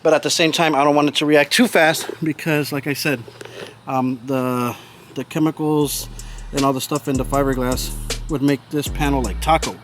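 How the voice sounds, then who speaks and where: A man with a voice on the high side and a steady tone hosts a DIY car audio channel, talking to viewers at a normal speed in a casual, hands-on vlog from his backyard. His speech is informal, slangy and repetitive, and the noisy outdoor recording picks up vehicle and ambient sounds over soft background music.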